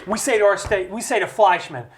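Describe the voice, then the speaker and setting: Animated American man, studio guest. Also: a little fast, a little hiss or hum. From United States. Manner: animated, acts out quoted voices with big jumps in pitch. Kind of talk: impassioned conversational explanation. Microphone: studio mic.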